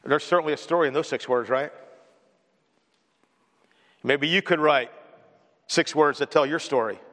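A fairly high male pastor delivers an earnest sermon that rings through a reverberant church sanctuary. He builds to loud emphatic points, then drops low and gentle when he speaks of loss. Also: moderate pace. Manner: earnest preaching, swells loud on key points, drops soft on grief.

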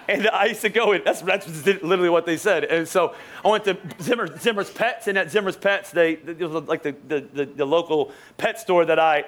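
High-voiced joking young pastor. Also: male voice, fairly bright tone. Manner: joking, sarcastic, many restarts and asides to the congregation. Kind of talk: casual storytelling sermon. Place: church sanctuary.

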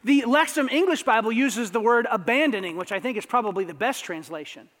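A man with a strikingly high voice preaches to his congregation, animated and conversational, dropping asides as he goes. His voice rings out with the long reverb of a church sanctuary. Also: a little fast. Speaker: pastor. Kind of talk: sermon.

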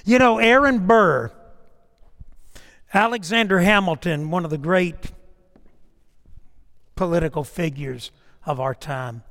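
A man preaching a sermon in a conversational storytelling way, swinging between raised emphasis and quiet asides. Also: high voice, takes it slowly, pauses often, long reverb tail. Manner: conversational storytelling preaching, rising and dropping to a hush.

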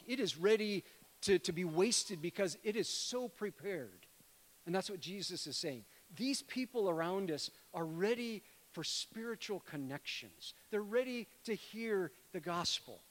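A middle-aged man preaching a sermon in a church, talking to the congregation in a conversational way and calling them friends. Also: sits high. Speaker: guest preacher, missionary. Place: church sanctuary. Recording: long hall reverb.

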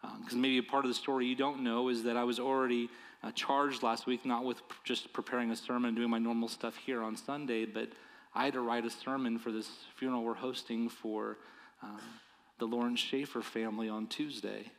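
A male pastor giving a sermon in an earnest, conversational way, often stumbling over and repeating the first words of a phrase. His voice sits at an ordinary middle pitch for a man. The church around him adds a long, trailing reverb to every word. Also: level tone, brisk, gravelly. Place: church sanctuary.

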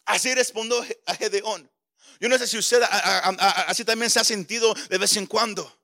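A man's voice: sits high, moderate pace, bright, forceful tone. A male pastor preaching a sermon with impassioned delivery, often stammering over repeated words.

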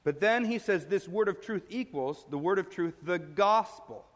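A man's voice: high voice, normal speed. A male pastor giving a sermon, earnest and explanatory, putting questions to his listeners. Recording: long reverb of a large hall.

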